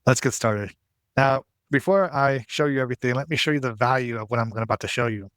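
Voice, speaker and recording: A man's voice: mid-range voice, a little fast, fairly bright tone, dry recording. A man narrating a tutorial as its host in a casual, explanatory style.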